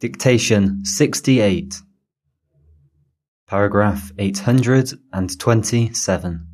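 A man's voice: on the low side, slow, a little mellow. A man reading a dictation aloud, repeating each phrase and saying the punctuation. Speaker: dictation reader. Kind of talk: slow dictation read aloud.

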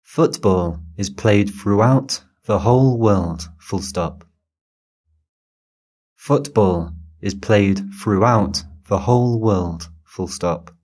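A man reads a dictation exercise at a very slow, measured pace. He says each phrase several times and speaks the punctuation marks aloud. His voice sits low and mellow. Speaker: dictation reader.

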